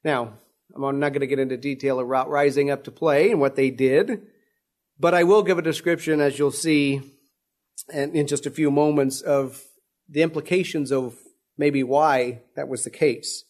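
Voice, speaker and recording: A man's voice: mid-range voice, steady tone, moderate pace, a little mellow. A man preaching a sermon, reading scripture and explaining it earnestly, often restarting his sentences.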